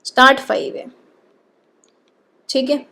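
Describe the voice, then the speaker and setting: A woman teaching programming, talking through code step by step and often pausing to check in with her students. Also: sharp tone. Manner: explains patiently, often checks in with "ठीक है".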